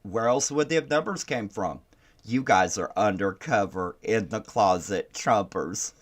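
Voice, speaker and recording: Low-voiced man doing mocking commentary. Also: measured pace. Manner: taunting, profane, laughing at his targets. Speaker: political commentator reacting to clips.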